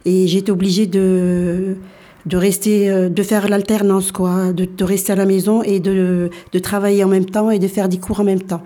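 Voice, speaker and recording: A woman in her sixties, born in Algeria, telling her life story as a radio guest and often pausing to restart her sentences. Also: medium pitch, little pitch movement, mellow. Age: 60s. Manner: hesitant, many fillers and restarts.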